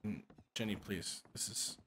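A man's voice: fairly low pitch, a little slow, sharp tone. A man hosting a gaming channel, giving casual gameplay commentary with joking instructions and frequent laughter.

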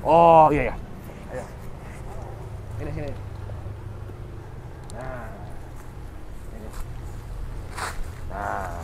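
A man playing a menacing male thug who coaxes and threatens a woman, talking gruffly. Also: mid-range voice, expressive, very slow, pauses often, darkish tone. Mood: coaxing. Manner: coaxing then threatening, gruff.

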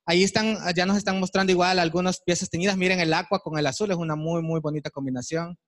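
A man with a fairly high voice runs a live textile workshop. He talks to the group in an encouraging, easygoing way, pointing out their work as he goes. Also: steady tone, quick pace, fairly bright tone. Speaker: workshop instructor. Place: workshop room with attendees.

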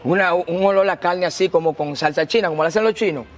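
A man, a guest telling his story in an animated, slangy way and acting out the quotes. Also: sits high, quick pace, a little hiss or hum. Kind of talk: casual storytelling.

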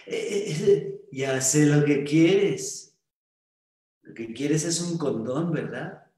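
A man voicing a pretty young woman behind a pharmacy counter, who talks slowly and teasingly. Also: animated, warm tone. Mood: knowing. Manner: slow, low and teasing. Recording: roomy sound, distant mic.

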